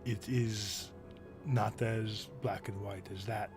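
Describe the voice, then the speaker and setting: A man's voice: fairly low pitch, steady tone, slow, music in the background. A man voicing a grave, stern royal father.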